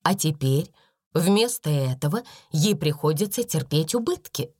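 Female audiobook narrator, animated intonation, dry booth-like sound. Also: sits low, measured pace, slightly rough, no echo. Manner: expressive storytelling.

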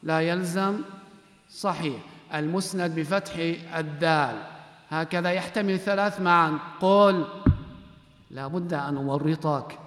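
A man with a somewhat high voice runs a classroom quiz as sheikh, firing short questions and curt commands at his students. The sound is roomy and carries a long hall reverb. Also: a bit bright. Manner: commanding and brisk, calling students up.

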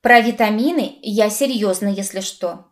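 A woman's voice: medium pitch, normal speed, natural voice. A woman voicing a wry, philosophical young man who teases his friend in a mock-wise way. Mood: teasing.

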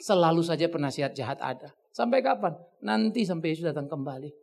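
Male pastor, gravelly and hugely expressive, jumping from shouts to hushed asides. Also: a little high, fast talker. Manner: animated, swings between loud exclamations and soft asides; conversational, teasing, uses slang. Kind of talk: topical sermon.

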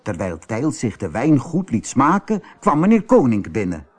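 A man from the Netherlands reading a storybook aloud in an expressive, unhurried way. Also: mid-range voice, slightly rough. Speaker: storybook narrator. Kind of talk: scripted storybook narration.

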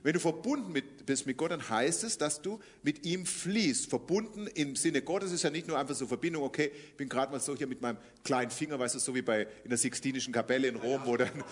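A man preaching a sermon in German, lively and often laughing, rising to emphatic declarations as he quotes scripture. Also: mid-range voice, fast talker, few pauses.

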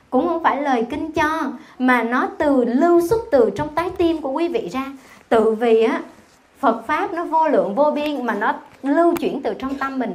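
A Buddhist nun gives a Dharma talk in a clearly high voice. She speaks conversationally and keeps asking her listeners questions. When she recites scripture she slows into a soft, gentle chant. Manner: conversational, asks the audience questions often. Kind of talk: Dharma talk to a temple audience.

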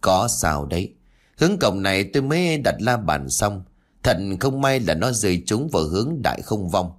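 A man playing a calm feng shui master. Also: on the low side. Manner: measured, explaining.

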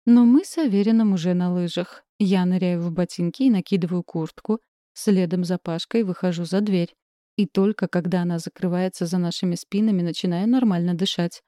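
A young woman narrating a first-person novel as an audiobook, with wry, lively storytelling. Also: lowish voice, brisk, no echo, clean studio sound.

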